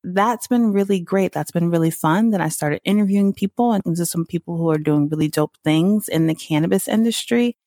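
A woman's voice: on the low side, brisk, hardly any pauses, dark tone, dry recording, studio quality. A woman, hosting her own podcast in a candid, chatty way, laughing often and talking loosely. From Southern United States. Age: 30s. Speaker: podcast host. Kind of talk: casual podcast monologue.

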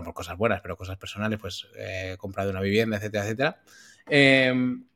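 A man chats casually on a podcast, reflective and hesitant, with frequent fillers. His voice sits at a mid pitch for a man. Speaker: podcast co-host. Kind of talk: casual chat.

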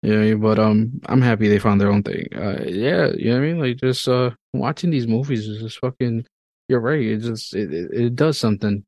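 A man's voice: fairly low pitch, a little fast, a little mellow, no room sound. A man in his thirties chatting casually and laughing often, swearing freely as he talks about his kids. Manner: laid-back, profane, laughs often. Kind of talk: casual chat.

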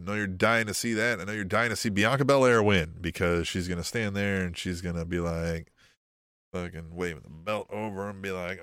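A man's voice: low-pitched, fairly bright tone, no room sound, clean studio sound. A man hosting a podcast in casual, profane, rambling chat with a sardonic edge. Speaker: podcast host.

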